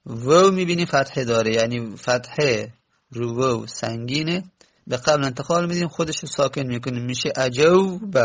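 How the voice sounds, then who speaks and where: A male teacher with a gravelly, creaky voice at a middle pitch. He works through each step methodically and drags out example words. He pauses on fillers and stops to correct himself. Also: fairly bright tone. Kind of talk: classroom lesson on verb patterns.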